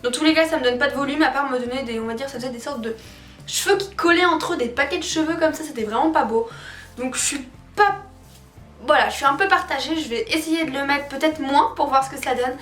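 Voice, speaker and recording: High-voiced woman vlogger in a roomy space. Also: fast, fairly bright tone. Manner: candid, opinionated, colloquial. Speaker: beauty vlogger reviewing a subscription box. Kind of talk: casual product review chat to viewers. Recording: roomy echo, distant mic, faint music behind.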